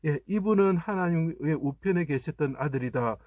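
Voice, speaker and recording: A man's voice: fairly high pitch, normal speed, darkish tone, dry recording, clean studio sound. A man teaching a Bible lesson on Chinese characters, explaining each part and reading scripture and prayers with rising emphasis. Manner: breaks characters into their parts and quotes scripture, often starting lines with "자".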